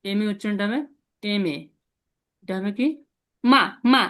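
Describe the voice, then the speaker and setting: A patient man leads an online language lesson over a video call. He repeats each sound slowly and clearly so his students can copy him, with a steady, encouraging pace. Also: high voice. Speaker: language teacher.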